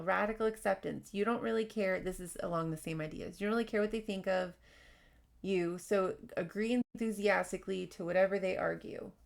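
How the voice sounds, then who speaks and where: A woman hosting a casual advice podcast, talking fast and candidly while she reads out workplace stories and comments. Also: medium pitch, creaky. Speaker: podcast host.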